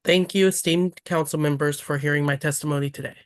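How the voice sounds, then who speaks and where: A man's voice: a little high, steady tone, a little fast, clean tone, no room sound, clean studio sound. A young man, a student, reading prepared testimony at a hearing in a plain, matter-of-fact and polite way. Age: young adult.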